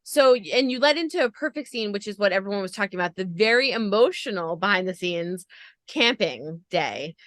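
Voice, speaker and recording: A woman's voice: medium pitch, animated, fairly quick, no echo. A woman podcast interviewer recapping a show with gushing enthusiasm in long run-on stretches.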